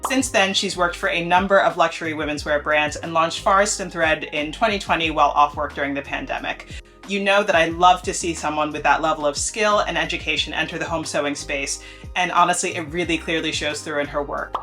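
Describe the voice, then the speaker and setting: An enthusiastic young American woman chats on her sewing vlog in a casual, upbeat way, sounding a little congested from allergies. Her voice is low-pitched, brisk and sharp in tone, with faint music playing behind her.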